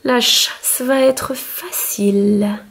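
A woman voicing a hungry, sly male fox who gloats slowly over his prey in a storybook reading. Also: a little high, fairly even intonation, husky, exaggerated voice. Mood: gloating. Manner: slow, gloating.

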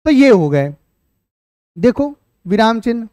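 A man's voice: very high-pitched, very animated, takes it slowly, dark tone, no echo. A man teaching an online exam-prep Hindi class, explaining points and asking students questions, with chatty asides. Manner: explains then repeats questions back to students; chatty asides addressing viewers as "beta".

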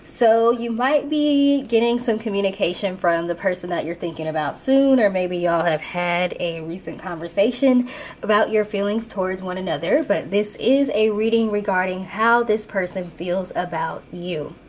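A woman's voice: mid-range voice, normal speed, a little mellow, slight background noise. A woman with a blocked, stuffed-up nose from a sinus infection, giving a casual tarot card reading. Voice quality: congested, blocked-nose sound. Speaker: tarot reader and channel host.

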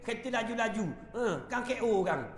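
A man's voice: high-pitched, quick pace, faint music behind. A man with a Terengganu Malay accent giving an evening lecture in a prayer hall, telling funny stories with chuckles and asking the crowd "right?". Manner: humorous storytelling with chuckles and call-outs. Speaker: preacher. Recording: echoey hall.

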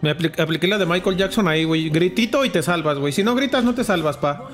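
A man with a Mexican Spanish accent giving live gameplay commentary, excitable, repeating words in quick runs, swearing often and dropping in English words. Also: high-pitched, soft background music. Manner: excitable, rapid repetitions, frequent swearing, mixes in English words. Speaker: gamer streamer.

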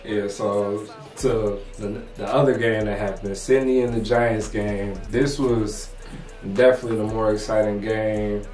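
A man's voice: lowish voice, fairly even intonation, measured pace, a little mellow, soft background music. Laid-back young man, roomy echo. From United States. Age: young adult. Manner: laid-back, slangy, drops "bro" and "man". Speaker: co-host. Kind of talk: casual sports recap chat. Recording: roomy echo, mic at a distance.

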